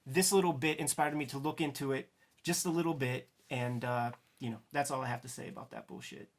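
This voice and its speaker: A man's voice: mid-range voice, a little fast. A man giving an opinionated, casual rant as a comics commentator, indignant, blunt and emphatic, with some swearing. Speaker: comics commentator on a discussion show.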